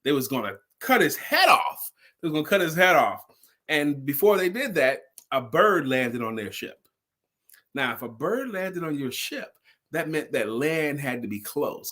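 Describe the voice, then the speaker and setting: Here a storyteller and sales speaker with a medium-pitched, slightly bright voice recounts a story conversationally. He leans hard on certain phrases, repeating them for effect, and acts out the lines people spoke.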